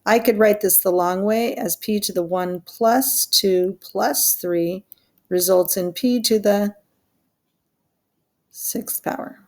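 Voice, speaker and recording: Taking it slowly, a woman goes through a math worksheet in a recorded lesson, her medium-pitched voice relaxed but creaky and gravelly. She keeps things chatty, poking fun at her own errors while explaining every step.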